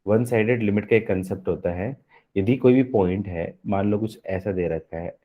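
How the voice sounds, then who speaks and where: A man's voice: lowish voice, moderate pace, highs cut off. A man teaching a live online maths lecture in a Hindi-mix, explaining step by step and constantly asking the class questions.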